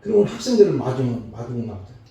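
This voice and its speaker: A male pastor delivers a Sunday sermon in a very echoey church, picked up by a mic some distance away. His voice is gravelly and dark, and his pitch leaps around a great deal. He swings between loud, high calls and low, hushed lines. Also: sing-song, very fast, a little hiss or hum. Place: church sanctuary.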